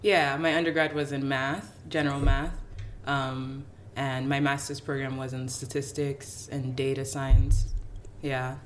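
A woman's voice: extremely low pitch, flat delivery, measured pace. A young woman speaking casually as a podcast guest. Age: young adult. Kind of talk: casual conversation. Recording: clear background noise.

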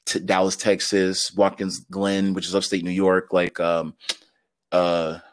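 A man in his thirties, a podcast guest, telling stories in quick, laughing, filler-heavy casual talk. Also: deep voice, level tone, a little hiss or hum. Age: 30s. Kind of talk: casual interview storytelling.

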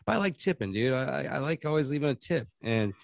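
A man of middle pitch rambles through casual podcast stories and laughs along the way. The recording is dry and close, with no room sound. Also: lively intonation, fast talker, vocal fry, dry recording. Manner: rambling storyteller, laughs often. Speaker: podcast guest. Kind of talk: casual chat.

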